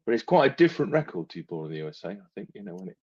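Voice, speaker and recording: A man's voice: fairly low pitch, big pitch swings, racing, a little mellow, husky, dull audio. A man chatting casually as a panellist on a music show, with a tentative, wry way of talking. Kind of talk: casual chat.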